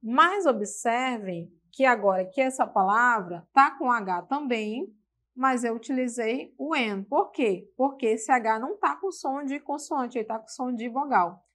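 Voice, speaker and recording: Slow, patient Brazilian woman teaching. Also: on the high side, a bit bright. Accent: Brazilian Portuguese. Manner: slow, patient, repeats example words aloud; checks in with tag questions. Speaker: English teacher. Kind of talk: televised classroom lesson.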